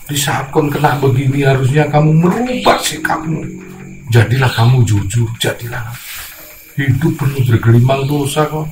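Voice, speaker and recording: A man preaching a sermon to a congregation, scolding bluntly, his voice dropping to hushed tones and then rising to loud outbursts. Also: mid-range voice, moderate pace, echoey room, background noise.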